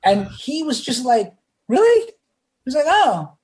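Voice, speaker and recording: A man chats as a guest on a podcast, telling stories in an animated way. He slips in and out of the voices of the people he quotes, with frequent "like" fillers. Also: very high voice, normal speed. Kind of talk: casual storytelling chat.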